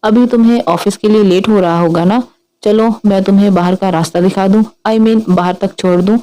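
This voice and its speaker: A woman's voice: medium pitch, fairly even intonation, normal speed, warm tone, natural voice, rough recording. A woman voicing a playful, teasing young man in love in a read-aloud story. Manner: teasing, mock-innocent.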